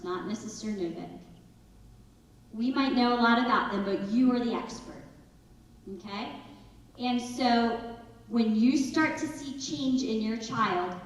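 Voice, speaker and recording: A woman's voice: on the high side, a bit bright. A woman in her thirties giving an earnest, conversational talk to parents at a school, sometimes acting out family conversations. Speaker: school presenter. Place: school auditorium. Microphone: far from the recording device. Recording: echoey hall, distant mic.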